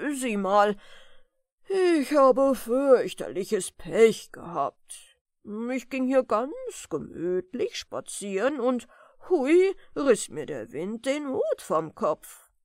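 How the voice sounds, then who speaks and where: A big, friendly giant rumbles along slowly and loudly in a bedtime storybook, as a woman reads him. His speech is drawn out and booming, with lively swings of pitch, and the recording is dry and close. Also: no room sound, full character voice. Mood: friendly, pleading. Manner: slow, drawn-out, booming delivery. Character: big good-natured friendly male giant. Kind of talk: bedtime audiobook reading.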